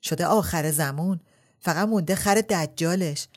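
A woman voicing a sharp-tongued, quick-tempered older aristocratic woman who fires off biting, scolding retorts in a storybook reading. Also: sits low. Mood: scolding, indignant.

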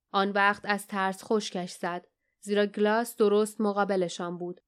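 Woman, audiobook narrator, smooth clear voice, steady tense storytelling. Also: mid-range voice.

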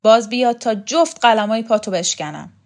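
A woman's voice: a little high, expressive, voice pushed up, natural voice. A woman doing a fierce, bossy older woman commander. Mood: furious scolding. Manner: scolding, shouting insults.

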